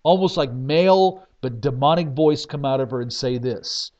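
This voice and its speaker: A man preaching as a pastor, telling stories in an emphatic way with sudden swings between loud and soft. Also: mid-range voice, normal speed. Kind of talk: sermon testimony. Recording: dull lo-fi recording.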